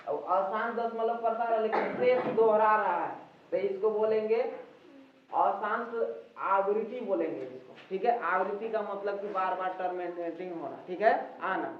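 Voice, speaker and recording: A man teaches maths to pupils, walking through each step and pausing to check they follow. His voice sits high and comes from some way off the mic. The room is very echoey, and the sound is dull with a faint hiss. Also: distant mic. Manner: explains step by step, often checks in with "ठीक है". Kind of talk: classroom lesson at a board.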